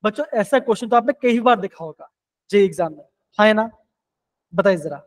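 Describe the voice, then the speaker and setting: High-voiced man teaching a live chemistry class. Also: animated, fairly quick, poor audio. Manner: coaxing, repeats questions to students.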